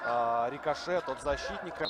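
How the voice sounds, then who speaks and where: A man's voice: medium pitch, moderate pace, low-quality recording. A man co-commentating a live football match with analysis, in hesitant, piecemeal phrases. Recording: loud background noise.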